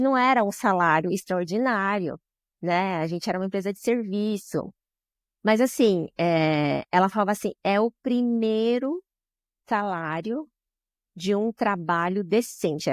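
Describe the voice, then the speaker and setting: A woman's voice: on the low side, no room sound, studio quality. A woman with a Brazilian Portuguese accent, a guest in a podcast interview, telling stories with feeling and often tagging her sentences with questions. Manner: emotional, frequent tag questions. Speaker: guest, social business director.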